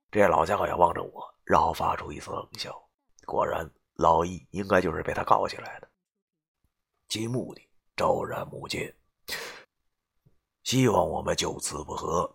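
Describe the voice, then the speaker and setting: A man narrating a novel in the first person in a gruff, coarse, swearing manner. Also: low voice, a bit bright. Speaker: audiobook narrator.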